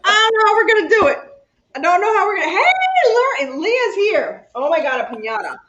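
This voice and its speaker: A Cuban woman whose first language is Spanish hosts a casual craft chat, talkative and rambling, laughing easily while she works. Her voice is extremely high and a bit bright, very animated, and fast. The recording has an echoey room and dull lo-fi sound.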